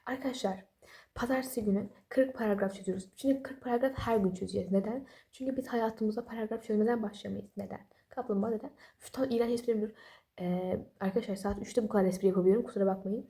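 A woman's voice: medium pitch, fairly even intonation, quick pace, dark tone. A young woman giving casual late-night study advice at home, sleepy and apologetic, rambling with small jokes and no proper microphone. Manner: rambling, apologetic, chatty with self-deprecating jokes. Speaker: study vlogger. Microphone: no external microphone.

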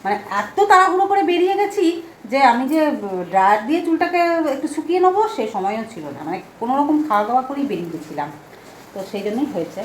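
Soft-spoken chatty woman vlogging at home. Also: sits high, big pitch swings, fast talker, a little hiss or hum. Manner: chatty, homely, speaks softly. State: has a cold. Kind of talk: casual home vlog chat. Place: at home indoors.

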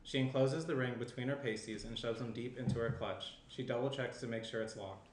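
Reading stage directions from a tablet, a young man serves as narrator at a screenplay table read, his medium-pitched voice fairly quick. The indoor room and a shared desk mic some distance away leave a roomy echo and faint background noise.

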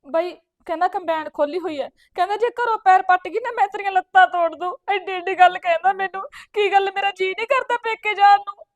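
A woman's voice: very high voice, fast talker, hardly any pauses, dry recording. An actress playing a sly, chatty young married village daughter who coaxes her family with offers of tea, speaking with a Punjabi accent. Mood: complaining. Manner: fussy, coaxing, endlessly offering tea. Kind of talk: village comedy film acting.

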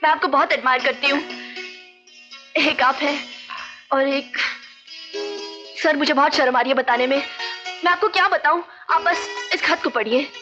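An actress playing a prim young woman in a 1990s film comedy who turns sharp and scolding. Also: high voice, moderate pace, pauses often, lo-fi sound, over music, natural voice. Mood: flattering. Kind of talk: 1990s comic film acting.

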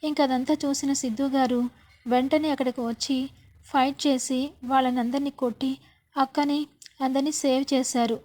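A woman's voice: high voice, steady tone, moderate pace, a little mellow. A woman casually retelling a television serial episode, speaking each character's lines in her own voice. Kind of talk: casual spoken story recap.

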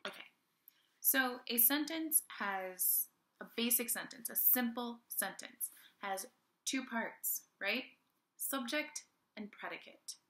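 A woman with a bright, clear voice talks through a recorded English lesson, slow and unhurried. She explains things casually, stopping often for fillers and restarting her sentences. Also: on the high side, a little hiss or hum. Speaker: college English teacher. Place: home, teaching from a cardboard board.

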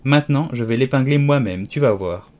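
A man's voice: moderate pace, darkish tone, natural voice. A man voicing a fussy, scatterbrained old queen who wails and lectures in an audiobook. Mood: triumphant. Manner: shrill wailing cries, fretful and peremptory. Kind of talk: audiobook character voice.

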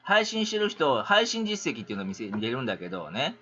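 Middle-aged Kansai man, ranting livestreamer, wildly swinging pitch, bright edgy tone, dull lo-fi audio. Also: fast talker, husky. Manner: animated, ranting, rambling. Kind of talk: casual livestream chat.

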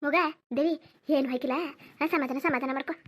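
A woman's voice: high-pitched, steady tone, a little fast, lightly acted. A woman voicing a fussy, bossy old village mother in a cartoon, scolding and giving orders. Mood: soothing. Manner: scolding, orders people about. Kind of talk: cartoon voice acting.

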